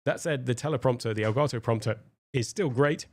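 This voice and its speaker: A man hosting a live stream, answering viewer questions in a relaxed, casual, explanatory way, pausing often with filler sounds as he thinks. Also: mid-range voice.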